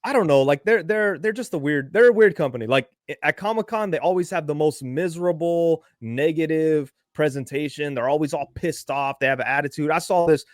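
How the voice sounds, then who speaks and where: A man's voice: a little high, brisk, few pauses, no room sound, clean studio sound. A man chatting casually as a podcast guest, telling stories full of swearing. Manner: profane, animated storyteller. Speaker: guest, toy and collectibles YouTuber.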